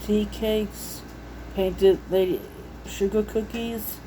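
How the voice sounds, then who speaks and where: In a rough recording with slight background noise, a woman with a mellow, mid-range voice talks slowly and fairly evenly. Indoors at home, the vlogger browses a recipe book, casually reading recipes out and musing to herself in a homey, folksy way.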